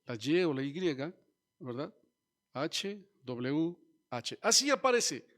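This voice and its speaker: A man's voice: a little high, sing-song, slow, fairly bright tone. A man preaching a sermon as pastor, teaching and asking the congregation questions. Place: church.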